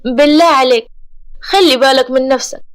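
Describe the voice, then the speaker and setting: A woman's voice: sits high, fairly quick, close to an everyday voice. A woman with an Egyptian accent reading the part of an emotional young wife, speaking in a pleading tone. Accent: Egyptian Arabic.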